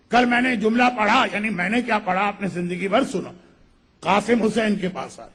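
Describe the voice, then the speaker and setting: A man's voice: sits high, a bit bright, husky. A male religious orator delivering an impassioned mourning sermon, telling the story dramatically and voicing the figures in quotes.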